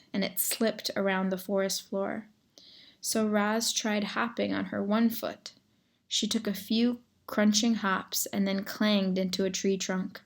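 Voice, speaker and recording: A woman reading a children's novel aloud as narrator, measured and expressive, sometimes addressing the reader directly. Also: mid-range voice.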